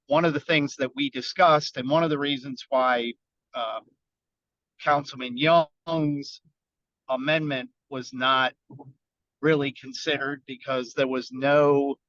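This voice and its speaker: A man's voice: medium pitch, fairly bright tone, no room sound. Man on a muffled car speakerphone. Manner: halting, thinks aloud in short phrases. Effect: car speakerphone call while driving. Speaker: county council member. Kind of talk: webinar panel comments. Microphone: phone speaker in a moving car. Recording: muffled phone line, dry.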